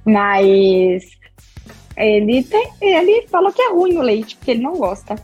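A woman, a podcast guest telling her story in an expressive, chatty way with lots of tag questions. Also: on the high side, measured pace, husky, muffled recording, soft background music. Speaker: podcast guest, breastfeeding consultant. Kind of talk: casual interview chat.

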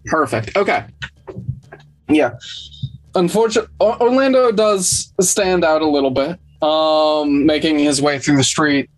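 A woman acting as game master, narrating a tabletop role-playing game in a casual, halting way. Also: deep voice, faint music behind, low-quality recording.

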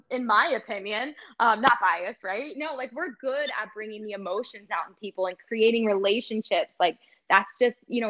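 A woman of medium pitch with a fairly bright tone, she hosts and reports on sports and speaks earnestly in a laid-back podcast interview, leaning on fillers like "like" and "you know." The audio sounds dull.

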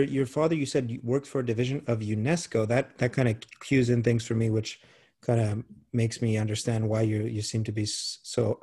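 A man in the middle of the male pitch range hosts a podcast interview. He asks questions in a friendly way, often repeating words as he searches for the phrasing. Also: creaky, mellow, slightly rough. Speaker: podcast host.

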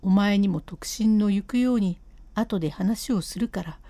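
A woman's voice: measured pace, dark tone, no room sound, lightly acted. A woman voicing an older male master painter who keeps apologizing yet refuses to give in, in a storybook reading of a classic comic tale. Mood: pleading. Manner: lowered voice, pleading and firm by turns.

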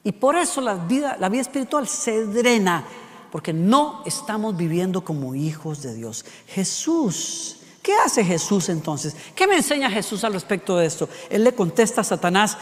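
A man with a Costa Rican accent delivers a sermon in a high voice. He fires off rhetorical questions, slowing down and dropping his volume for emphasis. The long reverb of a hall trails his words. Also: big pitch swings. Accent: Costa Rican Spanish. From Costa Rica. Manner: rhetorical questions, shifting pace and loudness for emphasis. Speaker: preacher.

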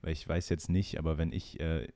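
A man's voice: extremely low pitch, little pitch movement, a little fast, vocal fry, mellow, dry recording. A man co-hosting a casual podcast, hesitant and questioning, recorded over a remote call. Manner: hesitant, many fillers, questioning. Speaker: podcast co-host. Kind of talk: casual chat.

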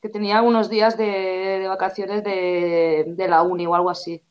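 A young woman from Spain chatting on a podcast, telling animated stories and acting out the people in them. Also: lowish voice, normal speed, lo-fi sound. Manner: animated storytelling, acts out quoted voices. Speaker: podcast co-host. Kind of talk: casual chat.

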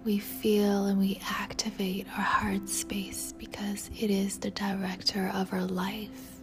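A woman guiding a meditation in a soft, breathy spa whisper, soothing and tender toward the listener. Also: mid-range voice, monotone, takes it slowly. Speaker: meditation guide. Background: music.

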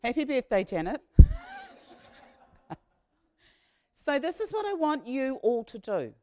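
A woman, leading an all-age sermon as a minister and retelling a story in a lively, slangy, conversational way. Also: high voice, normal speed. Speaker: minister leading a children's talk.

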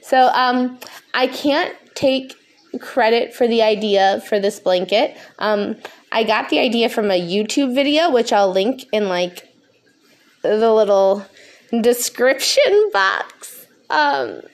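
Rambling, stoned woman, higher voice. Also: unhurried. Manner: stoned, rambling, losing her thread; frank, casual swearing. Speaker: podcast host. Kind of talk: casual podcast monologue.

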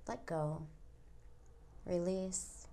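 A woman guiding a hypnosis induction as a hypnotist, speaking in a soft, soothing near-whisper with long pauses. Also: on the low side, gravelly, slight background noise. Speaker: hypnotist guiding a relaxation session.

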